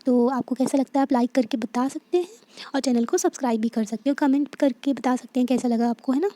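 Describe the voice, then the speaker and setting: A woman teacher explaining a history textbook chapter, reading lines slowly and then explaining them in a chatty way with frequent check-ins. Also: high-pitched, mellow, no echo. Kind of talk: explaining a textbook lesson to students.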